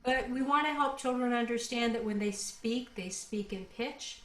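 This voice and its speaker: Woman, workshop teacher, upbeat, step-by-step guidance, video call, echoey room, fairly high voice. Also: normal speed. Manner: upbeat, guiding, demonstrates step by step. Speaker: songwriting workshop co-leader.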